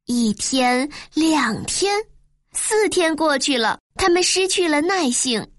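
Woman storyteller, high bright voice, expressive children's narration, dry studio sound. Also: slow, no echo.

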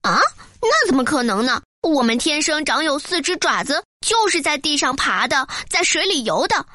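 A woman's voice: high-pitched, sing-song, pushed and bright, no room sound, studio quality, exaggerated voice. Woman doing doubtful little turtle friends. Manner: quick, doubtful.

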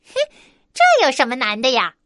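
A boastful little monkey, played by a woman in a storybook, high and bright with a lively sing-song swing. He sounds pleased with himself, in a dry, close sound. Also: moderate pace, no echo, full character voice. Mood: smug. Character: smug clever little male monkey. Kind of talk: children's storybook voice acting.

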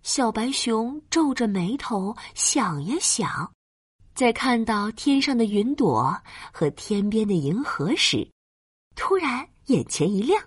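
A woman tells a bedtime story to small children in a gentle, breathy voice. Her pace is slow and her intonation swoops expressively, recorded close and dry. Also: on the high side, big pitch swings, dry recording. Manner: gentle, dramatized, drawn-out phrasing. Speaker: storyteller, narrator.

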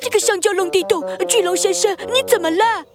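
A woman voicing a plucky, excitable little boy pig hero in a children's audio story, with an eager, childlike delivery. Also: extremely high pitch, a little fast. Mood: earnest, brave.

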